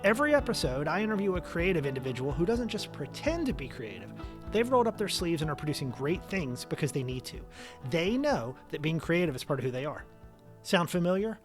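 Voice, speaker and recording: A man's voice: a little high, very animated, brisk, soft background music. An American man hosting a podcast, speaking in a conversational introduction style to his listeners. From United States. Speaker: podcast host and interviewer.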